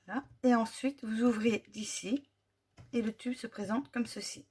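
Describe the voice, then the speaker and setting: Breathy French woman reviewing craft supplies. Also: fairly high pitch, fairly even intonation, dark tone. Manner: slow, careful listing of colour numbers with many fillers. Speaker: vlogger. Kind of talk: casual product review.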